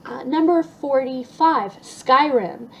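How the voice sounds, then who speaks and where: A woman's voice: high voice, slow, a bit bright, slight background noise, low-quality recording. A young woman chatting casually through a list of her favorite things, upbeat with lots of ums and restarts. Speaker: vlogger.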